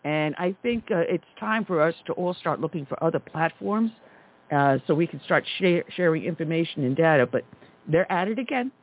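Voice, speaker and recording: This conservative talk radio host has a low, expressive voice and speaks at a brisk pace. Emphatic and outraged, she's heard over a thin, tinny phone connection.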